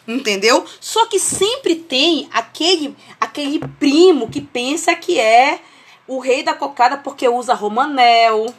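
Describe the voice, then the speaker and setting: A woman's voice: high-pitched, expressive, a little slow, slightly rough. A woman with a Brazilian accent teaching a history class over a video call, explaining with homely family comparisons and often checking that students follow.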